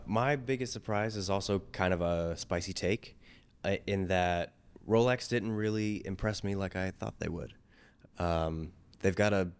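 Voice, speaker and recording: A man's voice: sits low, smooth. A man on a podcast panel as a first-time guest, speaking in a laid-back, candid way.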